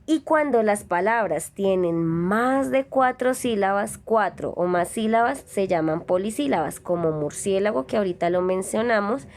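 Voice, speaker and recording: A woman's voice: mid-range voice, animated, normal speed, few pauses, a little mellow. A woman teacher, giving a recorded lesson to children and stretching out syllables to demonstrate them.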